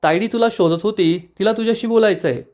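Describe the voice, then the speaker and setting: A man voicing a casual young sister in a spoken serial recap, brisk and breezy. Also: sits high, a little mellow, pitched above the performer's own voice, close to an everyday voice.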